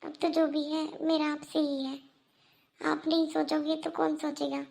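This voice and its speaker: A woman's voice: high-pitched, flat delivery, a little slow, vocal fry, a little mellow, exaggerated voice. A woman voicing a young orphaned daughter-in-law in a cartoon, dutiful and sorrowful, who pleads earnestly. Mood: plaintive. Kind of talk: Hindi cartoon voice acting.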